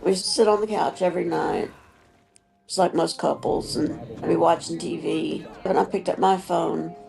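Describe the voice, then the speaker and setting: A woman's voice: lowish voice, fairly even intonation, normal speed, creaky, darkish tone, faint music behind. A woman in her sixties speaking in a documentary interview, earnest and effusive. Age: 60s.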